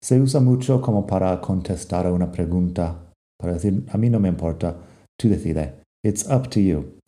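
A man's voice: low-pitched, moderate pace, mellow. A man teaching English phrases, reading both sides of short example dialogues himself. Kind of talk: explaining English phrases to Spanish speakers.

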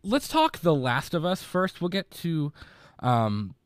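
Speaking slowly, this young podcast host has a fairly high, clear, resonant voice whose pitch swoops wildly, though he sounds stuffed-up and congested. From his basement he rambles and repeats himself through a casual live movie review. The audio is clean studio quality without any echo.

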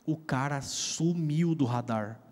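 A man's voice: a little high, slow, darkish tone. A Brazilian man preaching a sermon, telling a personal story in a casual, slangy way. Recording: long reverb of a large hall.

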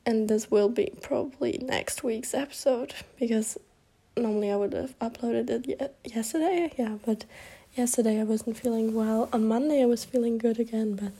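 Young woman podcaster, sick and hoarse, husky half-whisper, mellow tone, rambles with restarts. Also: on the high side, steady tone, normal speed. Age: young adult. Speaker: podcast host. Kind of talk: casual solo podcast chat.

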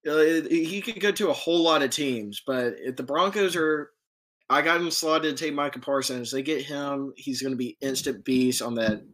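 A man's voice: a little high, normal speed, a bit bright. A man co-hosting a casual sports talk show, talking loosely with many fillers and restarts. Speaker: podcast co-host.

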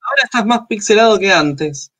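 A man's voice: high voice, animated, fairly quick, fairly bright tone. A man co-hosting an online show, bantering casually over a video call and laughing along. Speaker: co-host.

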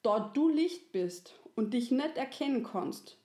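A woman's voice: fairly high pitch, expressive, slow, mellow, voice pushed up. A woman voicing a kindly, wise creator woman, soothing and folksy. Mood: gentle. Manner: soothing, folksy, fond of dialect fillers. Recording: roomy echo.

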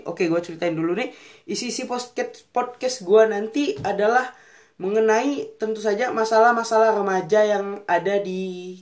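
A young man with a slurred, unrolled r, rambling casually and unscripted as a podcast host. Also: sits high. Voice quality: slurred r, cannot roll it. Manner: rambling, thinking aloud. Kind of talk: unscripted casual solo chat.

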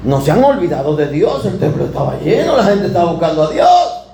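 A man preaching a sermon, telling stories with emphatic, drawn-out key words and shifting pace. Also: fairly high pitch, big pitch swings, creaky, warm tone. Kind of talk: sermon with storytelling. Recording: echoey room with air conditioning hum.

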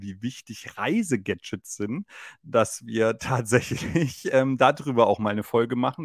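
A man's voice: mid-range voice, dry recording, studio quality. A man in his thirties co-hosting a podcast in casual chat, talking freely with many fillers and laughs. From Germany. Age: 30s. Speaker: podcast co-host.

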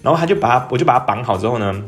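A young man, telling a personal story in a casual, animated podcast monologue and dropping English phrases into his talk. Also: racing, faint music behind. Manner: animated, jumps up in pitch when excited, mixes in English phrases. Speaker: podcast host.

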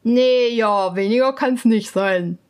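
A woman's voice: fairly high pitch, slow pace, a little mellow, smooth. A woman voicing a cunning young prince disguised as a swineherd, blunt and stubborn. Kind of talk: storybook reading.

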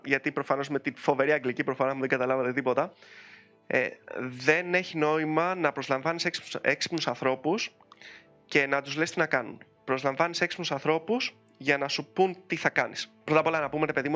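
Bright, lively male podcast host. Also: medium pitch. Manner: chatty and animated, with frequent fillers. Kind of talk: casual chat.

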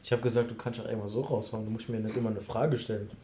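A young man co-hosting a podcast in casual chat, joking and slangy, with hesitant pauses. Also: fairly low pitch, steady tone, mellow, a little hiss or hum. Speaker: podcast co-host. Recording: echoey room.

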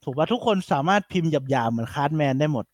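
Male podcast host, slightly high voice, animated and filler-heavy, dry close sound. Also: brisk, dry recording. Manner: chatty, animated retelling with many fillers. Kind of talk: casual podcast chat.

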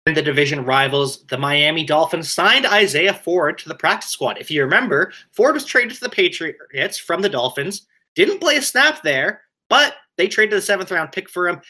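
A man co-hosting a fantasy football show, running through player news with quick, upbeat asides. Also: animated, sharp tone. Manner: upbeat, quick asides, jumps up in pitch on names. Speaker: fantasy football podcast co-host. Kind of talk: casual sports news rundown.

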